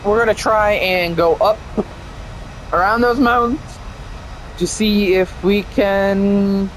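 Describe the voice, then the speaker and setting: A man's voice: high voice, steady tone, slow pace, a bit bright, slight background noise. A young man casually commenting while playing a flight game, rambling and chatty with frequent restarts. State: hiccups. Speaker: gameplay streamer.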